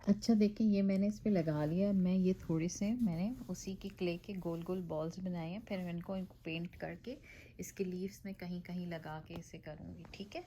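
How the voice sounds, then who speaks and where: A woman's voice: lowish voice, steady tone, normal speed, dark tone, dull audio, a little hiss or hum. Chatty middle-aged woman vlogger. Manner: chatty, explains step by step, keeps saying "okay". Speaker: vlog host. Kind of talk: casual craft vlog tutorial.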